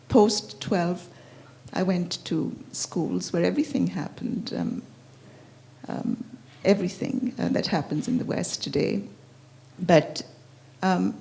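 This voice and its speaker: A woman giving a personal reflective talk at a retreat, speaking earnestly and haltingly. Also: on the low side, gravelly, mellow. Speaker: retreat participant sharing.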